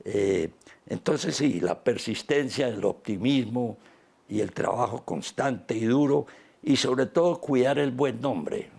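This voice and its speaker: A man, speaking as an interview guest in an unhurried, reflective way, pausing often. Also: medium pitch, creaky, a little mellow, slightly rough. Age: 80s. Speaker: interview guest, business founder.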